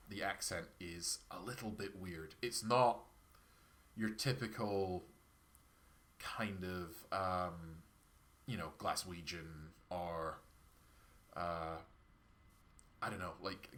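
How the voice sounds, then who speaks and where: A deep, slow, slightly bright male voice with a Perthshire Scottish accent, scratchy from a cold. The man, from Scotland, streams a game while chatting casually, rambling and poking fun at himself.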